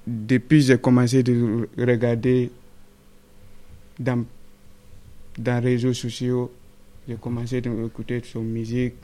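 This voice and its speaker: A sixteen-year-old young man from Guinea whose first language is Fula, answering radio interview questions in a halting way, searching for words and repeating himself. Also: medium pitch, completely flat delivery, mellow. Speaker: student guest.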